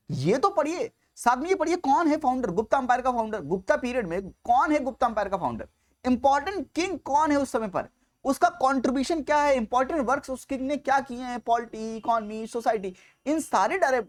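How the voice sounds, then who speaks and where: This exam-coaching lecture comes from an Indian man with a very high voice. He mixes Hindi with Indian-accented English, his pitch swinging up and down in a very animated way while he repeats and emphasizes the main points.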